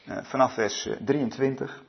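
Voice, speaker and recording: A man's voice: mid-range voice, fairly even intonation, gravelly. A man leading a Bible study evening, reading scripture aloud and talking it over with many hesitant fillers and restarts. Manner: reads scripture aloud in a measured tone. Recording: dull lo-fi recording.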